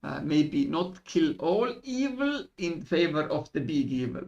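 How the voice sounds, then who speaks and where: A man's voice: a little high, big pitch swings, a little slow, vocal fry, darkish tone, lo-fi sound. A man playing a tabletop game over voice chat, hesitant and weighing his options aloud. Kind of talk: casual in-character debate over voice chat.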